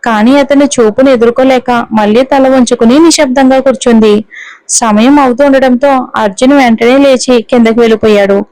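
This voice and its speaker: A woman narrating a romantic story in a steady storytelling manner, reading all the characters in her own voice. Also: sits high, moderate pace, no room sound, poor audio.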